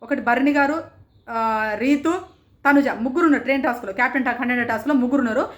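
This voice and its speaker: Female show reviewer, high voice, very fast animated recap talk. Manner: rapid, animated retelling with quoted exchanges. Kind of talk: casual commentary recapping events.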